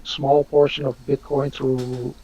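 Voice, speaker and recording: A man's voice: mid-range voice, level tone, slow pace, mellow, slightly rough. A man, hosting a live Q&A on a video call, talking hesitantly with many fillers. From Netherlands. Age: 50s. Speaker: host. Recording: dull lo-fi audio.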